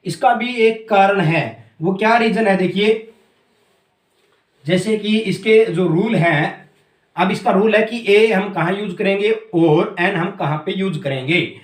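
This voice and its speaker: High-voiced man teaching grammar, echoey room. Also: measured pace. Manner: explains step by step, keeps asking "clear?". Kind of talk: whiteboard grammar lesson.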